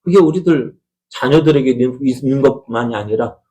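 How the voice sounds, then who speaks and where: A man's voice: medium pitch, a little fast, dark tone, poor audio. Middle-aged Korean pastor questioning his flock. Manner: asks the congregation questions, acts out family quarrels. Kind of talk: conversational Sunday sermon. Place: church sanctuary.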